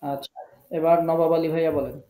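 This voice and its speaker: Talking fast in a steady, dark-toned voice that sits a little high, a man teaches a live online Quran recitation class. He patiently calls on students one by one, corrects and drills their pronunciation, repeats exercises, coaxes them, and sorts out tech issues. The audio is poor, with a roomy sound.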